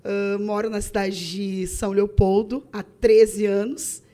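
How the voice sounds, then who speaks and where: A woman's voice: medium pitch, little pitch movement, a little slow, mellow. Earnest woman pastor introducing herself. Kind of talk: podcast interview self-introduction.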